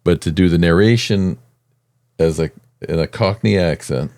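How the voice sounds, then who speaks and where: An easygoing male podcast co-host with a very deep voice, laughing at himself in casual chat. The sound is dry and close. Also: normal speed, darkish tone, no echo.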